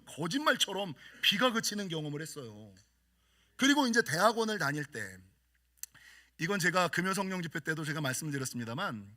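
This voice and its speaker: High, animated pastor preaching a sermon. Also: male voice. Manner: lively storytelling with self-mocking humor. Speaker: senior pastor.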